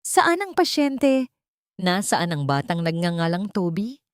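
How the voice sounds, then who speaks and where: A woman's voice: lowish voice, very animated, a little slow, clean tone, no echo, studio quality. A woman voicing a middle-aged male surgeon full of authority. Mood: commanding.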